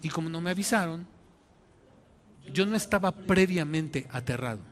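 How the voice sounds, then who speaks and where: High-voiced Mexican pastor preaching. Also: male voice, normal speed. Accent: Mexican Spanish. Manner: animated, acts out voices in his story. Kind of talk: sermon with personal storytelling.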